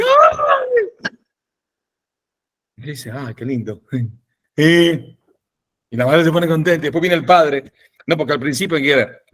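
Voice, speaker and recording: A man lectures to an online class over a video call. His voice sits somewhat high and swings widely in pitch as he teaches. He jokes and keeps checking in with his listeners. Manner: animated, asks "ok?" to check understanding. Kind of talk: informal lecture with humor. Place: home or office in Jerusalem.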